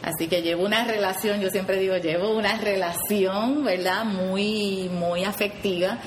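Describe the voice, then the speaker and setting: At a measured pace and with fairly even intonation, a Puerto Rican woman speaks earnestly in a medium-pitched voice about the 4-H youth program she leads. An interview guest with a Puerto Rican Spanish accent, she often says "¿verdad?" and restarts, and the audio is reverberant with a little hiss or hum.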